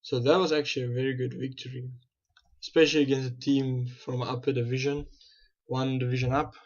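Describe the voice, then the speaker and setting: Fairly quick and mid-range with little pitch variation, this young man's voice is recorded with the top end missing. He has a South African accent and runs a gaming channel, giving loose commentary on his football management game while thinking out loud, restarting and correcting himself as he goes.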